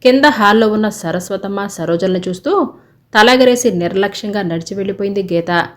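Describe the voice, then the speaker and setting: A woman reading a family story aloud with a steady, expressive delivery. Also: medium pitch, brisk. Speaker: story narrator. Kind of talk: scripted story narration.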